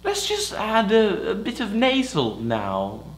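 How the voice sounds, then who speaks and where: Earnest man coaching voices, lively pitch. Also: slow pace, roomy sound, faint music behind, poor audio. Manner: earnest, explanatory, instructing. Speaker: voice coach in a documentary spoof. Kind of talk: mock documentary demonstration.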